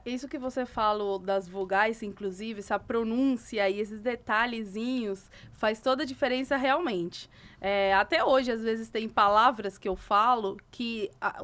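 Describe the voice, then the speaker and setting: A woman's voice: on the high side, normal speed. A Cuban-born woman who speaks Portuguese with a Cuban Spanish accent, Spanish being her first language, telling her story as a guest in an interview. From Cuba. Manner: animated, laughs often while telling stories.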